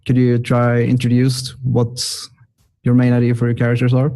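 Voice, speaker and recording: A man runs a tabletop game as its master, asking calm, practical questions. His voice is dark and mellow, in a middling pitch. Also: normal speed. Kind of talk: casual chat among players.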